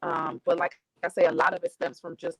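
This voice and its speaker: Gravelly-voiced woman guest on a call. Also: lowish voice, huge pitch swings, fairly quick, no room sound, low-quality recording. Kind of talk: casual online chat. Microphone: video call.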